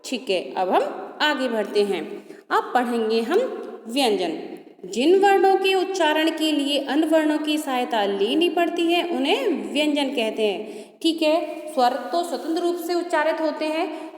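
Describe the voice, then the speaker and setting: A woman's voice: sits high, lively intonation. A woman teacher giving a grammar lesson to children, patiently asking questions and answering them herself. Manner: slow, patient, asks and answers own questions. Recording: echoey roomy hall sound.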